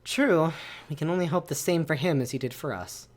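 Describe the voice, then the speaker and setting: A man's voice: a little high, a little fast, faint music behind. A male streamer reading a visual novel aloud, reacting animatedly to its choices.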